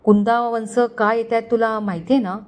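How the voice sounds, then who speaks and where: A woman reading a gentle middle-aged mother in a storybook tale, tender and soothing as she talks to her daughter. The voice sits fairly high in pitch and stays close to the narrator's own. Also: steady tone, normal speed, lightly acted.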